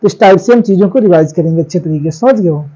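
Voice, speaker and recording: Guy teaching class, high voice, asks then answers himself, dull lo-fi sound. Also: racing, warm tone. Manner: asks questions and answers them himself, repeats key words. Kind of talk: classroom lecture on English grammar.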